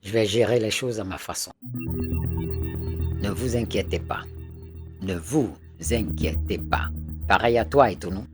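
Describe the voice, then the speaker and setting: A commanding, short-tempered boss with a wide, swinging pitch, faint film score behind. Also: male voice. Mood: cold, dismissive. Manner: commanding, curt. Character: stern domineering man, quick to anger. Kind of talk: French film dub.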